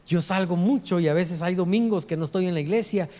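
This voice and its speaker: Middle-aged male pastor, high voice, dynamic sermon delivery, reverberant hall. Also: fairly quick. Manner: preaches with big swings from hushed low lines to raised high quotes.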